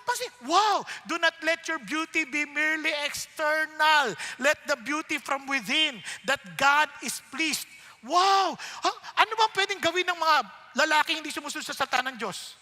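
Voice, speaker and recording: A man's voice: extremely high pitch, pushed and bright. A man preaching a sermon. He asks the crowd rhetorical questions and switches between Tagalog and English. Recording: long hall reverb.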